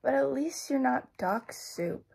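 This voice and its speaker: A woman voicing a kind, motherly woman with a gentle, comforting manner. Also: sits high, animated, a little slow, creaky, slightly rough, voice pushed up, exaggerated voice.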